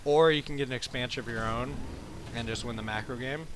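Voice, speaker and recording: A man's voice: medium pitch, brisk, background noise. Male game caster, mid-range voice, sleepy and easygoing, casual cursing. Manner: laid-back, rambling, swears casually. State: tired. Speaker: game commentator. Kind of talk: casual gameplay commentary.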